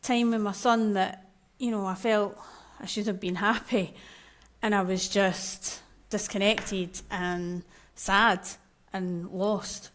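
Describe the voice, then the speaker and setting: A woman's voice: medium pitch, steady tone, takes it slowly. A woman in her thirties with a Scottish accent, talking candidly as a podcast guest and laughing easily. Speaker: podcast guest, maternal mental health coach. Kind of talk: conversational interview.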